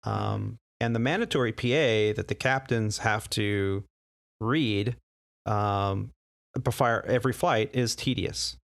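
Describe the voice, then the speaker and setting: An American man co-hosting an aviation podcast in a relaxed, chatty way. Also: fairly low pitch, slow, creaky, no room sound, studio quality. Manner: relaxed, chatty, frequent fillers and restarts. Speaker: podcast co-host and airline pilot. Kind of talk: casual podcast chat.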